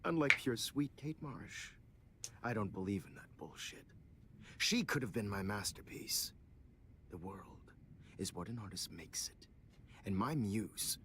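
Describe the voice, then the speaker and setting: An actor playing a middle-aged photography teacher turned killer in a video game, giving a slow, condescending villain monologue with breathy, hushed phrase endings. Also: male voice, lowish voice, lively intonation, whispered. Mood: contemptuous. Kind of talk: dramatic video game voice acting.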